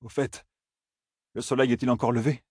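A man's voice: medium pitch, little pitch movement, moderate pace, slightly rough, no echo, clean studio sound, pitched above the performer's own voice, close to an everyday voice. A man voicing a distraught young man with great power in an audiobook, strained and desperate. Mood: weary. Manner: desperate, strained, shouting at times.

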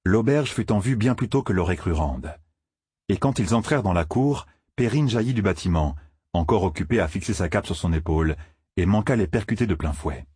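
A man reads a novel aloud in a steady, even storytelling manner. His low voice carries a husky grain, recorded close and dry. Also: a little fast, no echo. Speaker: audiobook narrator. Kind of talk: scripted narration.

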